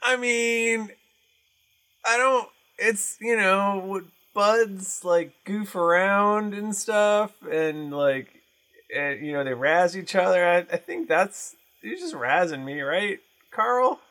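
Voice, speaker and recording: A laid-back, not-too-bright teenage boy who rambles slowly and leans on filler words, played by a man. His pitch bobs around, up and down, as he talks. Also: animated, full character voice. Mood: awkward. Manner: rambling, full of "like" and "you know".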